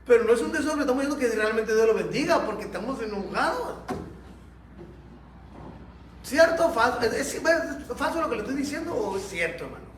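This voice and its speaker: Speaking briskly with an extremely high voice, a male Mexican pastor gives a lively Sunday school sermon full of animated stories aimed right at the congregation. The recording comes from a far-off mic in an echoey church hall, with faint background noise.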